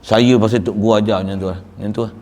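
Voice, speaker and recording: A man from Malaysia, a religious teacher giving a tearful, fervent devotional sermon that drops to soft pleading prayers. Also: on the low side, steady tone, very fast. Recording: reverberant hall.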